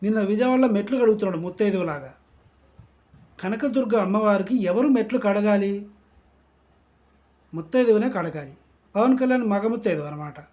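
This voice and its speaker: A man's voice: sits high, brisk, pauses often, mellow. A man from Andhra Pradesh giving satirical political commentary in a mocking, sarcastic ranting way.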